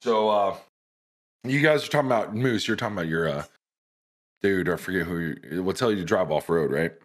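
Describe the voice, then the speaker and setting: A young American man with a lowish voice tells a rowdy, profane story to his friends. He talks casually and animatedly on a podcast. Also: a little fast. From United States. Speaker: podcast host.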